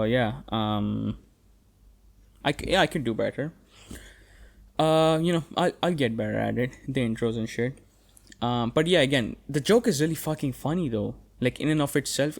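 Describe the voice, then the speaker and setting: A young man talking alone on his podcast, rambling freely, swearing casually and stopping to restart his sentences. His voice sits at an ordinary middle pitch. He keeps the loose feel of a casual monologue. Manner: rambling and profane, many fillers and restarts. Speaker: podcast host.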